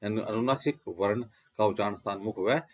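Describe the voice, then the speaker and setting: A man's voice: lowish voice, fairly quick. A man teaching Sanskrit grammar in a lecture style, reciting lists of letters and answering his own questions. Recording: dull lo-fi recording.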